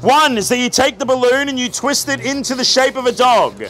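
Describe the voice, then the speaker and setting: An Australian man in his thirties works an outdoor crowd at a night street market as a theatrical street magician, projecting his voice and cracking jokes. His voice is very high and sharp, and he talks fairly quickly. The outdoor camera recording carries crowd noise and music behind him.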